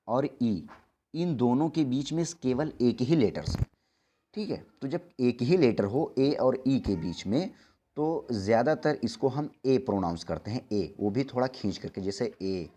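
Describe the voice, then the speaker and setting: A young man teaching English in Hindi, who patiently repeats reminders, slows down to spell out examples and corrects his own slips as he goes. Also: mid-range voice, animated, warm tone. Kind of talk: Hindi-language English lesson.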